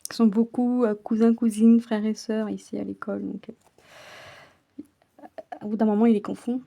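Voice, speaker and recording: A woman casually chatting while she works on her cross-stitch, often stumbling over her words and dropping into soft, whispered asides. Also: medium pitch, little pitch movement, moderate pace, creaky.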